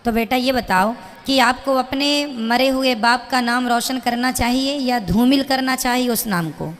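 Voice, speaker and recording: A woman's voice: a little high, moderate pace, fairly bright tone. A woman preacher lecturing a listener with pointed rhetorical questions, speaking plainly and morally. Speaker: spiritual preacher. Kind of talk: preaching to an audience member. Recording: long hall reverb.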